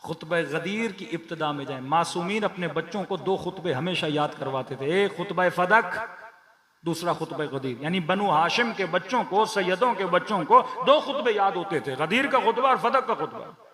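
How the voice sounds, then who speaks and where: High-voiced Pakistani preacher in echoey hall. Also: male voice, lively intonation, normal speed. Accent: Pakistani Urdu. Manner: declamatory, rhetorical questions, rhythmic repeated lists. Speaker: Shia preacher. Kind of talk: majlis sermon to a congregation. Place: large prayer hall with a gathered audience. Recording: echoey hall with crowd sounds.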